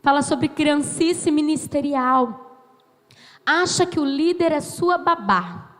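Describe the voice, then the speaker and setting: A woman in her thirties from Brazil preaching a sermon as a pastor, slow and emphatic, acting out dialogue as she tells stories. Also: sits high. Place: church sanctuary. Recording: long church hall reverb.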